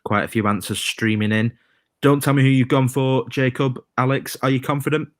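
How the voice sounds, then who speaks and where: A man hosting a live quiz stream, reading rhyming clues slowly and chatting between questions. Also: mid-range voice, steady tone, dry recording, clean studio sound. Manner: reads quiz rhymes slowly, chatty asides. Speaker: quiz host.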